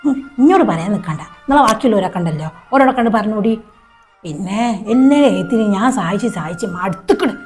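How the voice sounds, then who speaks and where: A woman's voice: medium pitch, lively intonation, fast talker, darkish tone, soft background music, close to an everyday voice. A woman playing a resentful young married daughter in a short skit, with a Malappuram accent, curt and dismissive. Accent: Malappuram Malayalam. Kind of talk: short-film skit acting.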